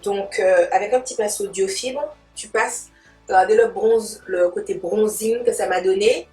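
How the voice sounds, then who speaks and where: A beauty vlogger walks through a makeup look casually, using slang and chatting playfully with viewers like friends. Her medium-pitched voice has a darkish tone at normal speed. The audio sounds roomy and distant, with music in the background.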